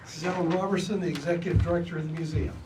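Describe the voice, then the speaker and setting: A man hosting an event, introducing a guest speaker in a loose, halting way with many fillers. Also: a little high, steady tone. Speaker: event host. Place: library meeting room. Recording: distant mic with noisy room.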